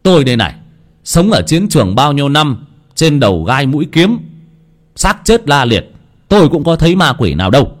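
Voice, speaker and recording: A man's voice: fairly high pitch, sing-song, moderate pace, pitched above the performer's own voice. A man voicing a skeptical old male war veteran, speaking boldly and with a scoff. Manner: bold, scoffing and forceful.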